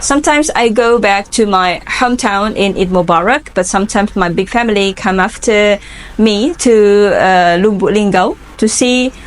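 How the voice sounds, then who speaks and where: Her medium-pitched voice carries an Indonesian accent as this woman in her twenties works through interview questions for an English speaking assignment. She answers earnestly and carefully, with pauses and fillers.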